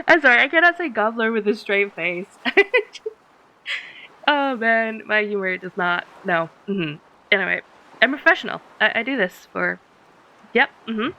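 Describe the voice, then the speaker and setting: A woman's voice: medium pitch, animated, moderate pace, sharp tone. A woman hosting a let's play, giving casual commentary that is chatty and giggly as she thinks aloud through her game.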